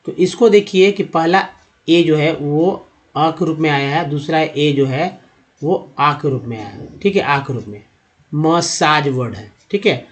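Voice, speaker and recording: Man, teacher, patient, repetitive, question-and-answer lesson, higher voice. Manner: addresses viewers as friends. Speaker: English teacher. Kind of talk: spoken lesson at a board.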